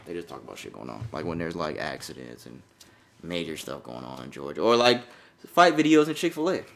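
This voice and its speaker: His very deep, creaky voice has a sing-song lilt, a brisk pace and a slightly bright edge. The young podcast co-host, Jamaican-born and New York-raised, trades casual, profane banter about a viral song.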